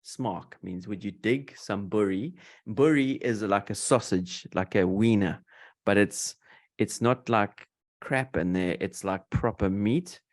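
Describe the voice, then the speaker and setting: A man's voice: fairly low pitch, slow pace. A man with a South African English accent hosting a casual interview, playfully teaching slang. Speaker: host.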